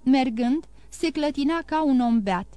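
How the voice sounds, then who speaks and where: Woman, audiobook narrator, steady even reading, slightly high voice, dry close recording. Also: clean tone, no echo. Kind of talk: scripted narration of a classic novel.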